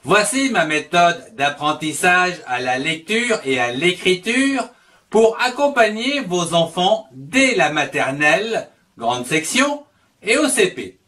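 High, bright man introducing himself. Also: big pitch swings, takes it slowly, far from the mic. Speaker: teacher presenting his reading method. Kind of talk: scripted introduction.

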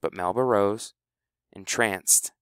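Male narrator for a chapter book: low, resonant, measured delivery, dry studio sound. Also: clean tone, no echo. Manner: measured, even storytelling. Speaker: audiobook narrator. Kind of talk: scripted audiobook narration.

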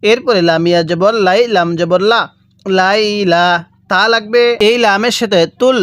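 A man teaching Quran reading, spelling out letters and vowel marks and drawing out syllables slowly for listeners to repeat after him. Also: high-pitched, fairly bright tone, dry recording, studio quality. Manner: draws out recited syllables very slowly. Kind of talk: step-by-step recitation lesson.

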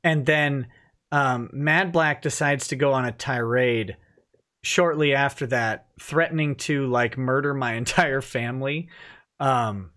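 With a medium pitch, fairly even intonation, a measured pace, and a sharp tone, a man in his thirties runs a live stream from his home office studio indoors. He is chatty, laughs frequently, and reads viewer comments aloud. His audio comes through a headset boom mic.

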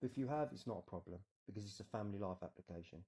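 Casual British man, low mellow voice. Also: expressive, very fast, slightly rough. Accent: British English. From United Kingdom. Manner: casual, reassuring, frequent tag "yeah?". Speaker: immigration adviser. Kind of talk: screen-recorded tutorial walkthrough.

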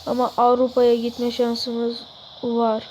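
A young-sounding, voice giving excited, casual football game commentary, exclaiming and shouting at goals and misses. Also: medium pitch, takes it slowly, slight background noise, low-quality recording. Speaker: gamer commentating own football career-mode play.

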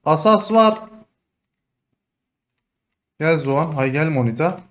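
A young man commentating his own online game match, excitable, taunting opponents with sudden shouts and dropping to low mutters. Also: slow. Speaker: gaming streamer. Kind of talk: live gameplay commentary.

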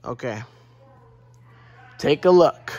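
A fan voice actor playing a cool, aloof male cartoon hedgehog who speaks flatly and dismissively. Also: slow pace, background noise. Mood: unimpressed. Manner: flat, dismissive, low-key.

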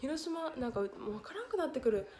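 A woman's voice: sits high, big pitch swings, fast, darkish tone, slight background noise. A young woman with a Hiroshima accent chatting on a livestream, reading out viewer comments and thanking them with frequent giggles. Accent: Hiroshima Japanese. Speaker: idol livestreamer. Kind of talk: casual livestream chat.

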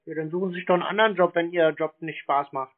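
A scambaiter fields a sales call in a casual phone conversation, replying tersely, contrarily and without being impressed. His voice is fairly high, steady and quick. The sound is narrowband, as over a phone line.

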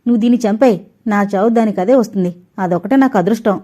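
A woman reads a grieving older mother in a storybook audio novel, bitter and fierce. Her words come out raw and accusing, in a mellow, dark-toned voice. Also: medium pitch, quick pace, lightly acted. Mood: anguished.

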